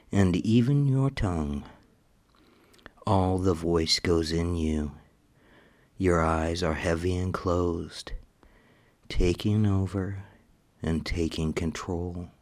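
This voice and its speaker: A man leading a scripted hypnosis session in a commanding, hypnotic manner, slipping into whispers at times. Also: deep voice.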